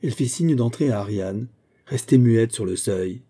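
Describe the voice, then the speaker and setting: A man reading a classic novel aloud as an audiobook narrator, in a measured, even way. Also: medium pitch. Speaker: audiobook reader.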